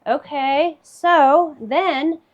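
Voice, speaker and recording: A woman's voice: high voice, extremely slow, highs cut off. A woman chatting casually and playfully as she hosts a walk-through tour inside a camper trailer. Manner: playful, joking. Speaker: vlog host giving an RV tour.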